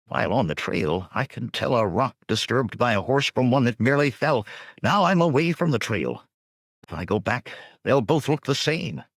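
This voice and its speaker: A man's voice: medium pitch, animated, husky, dry recording, clean studio sound, pitched above the performer's own voice. A man voicing a nervous, shifty male bandit tracker who talks defensively and in a rush. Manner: defensive, hurried.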